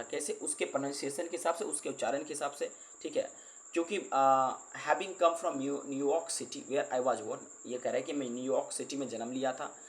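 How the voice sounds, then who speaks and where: A male teacher who explains an English book line by line, reading the English passages slowly before explaining them. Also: a little high.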